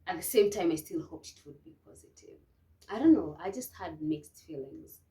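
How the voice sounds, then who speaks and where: A young woman telling a personal story to camera, emotional and hesitant, with many restarts and soft, trailing phrases. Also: lowish voice, expressive, normal speed. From Kenya. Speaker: vlogger.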